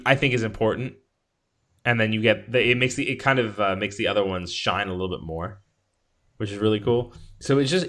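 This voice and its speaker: Hosting a podcast, a man with a fairly low voice and fairly bright tone chats casually. He rambles with enthusiasm through his thoughts, like a loose movie review conversation.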